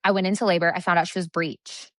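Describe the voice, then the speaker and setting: A woman in her thirties, a podcast guest telling a personal story in a lively, chatty way, often saying "like". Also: on the low side, fast, no echo. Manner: animated, lively storyteller who acts out quoted dialogue, many fillers like "like". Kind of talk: casual storytelling interview.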